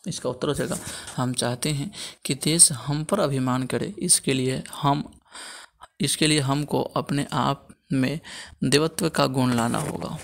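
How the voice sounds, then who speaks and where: A man's voice: mid-range voice, fairly even intonation, a little slow, creaky. A man teaching a school textbook lesson, talking to his pupils as children, giving earnest moral advice and often saying "okay". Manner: addresses pupils as children, repeats "okay" as a filler. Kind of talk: Hindi textbook lesson explanation.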